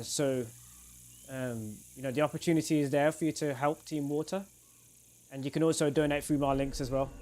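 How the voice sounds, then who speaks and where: A man's voice: a little high, a little mellow. Chatty man streaming games. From England. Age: 30s. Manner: chatty, laughs often, answers viewers. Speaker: game streamer. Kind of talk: casual live-stream chat. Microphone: desk microphone.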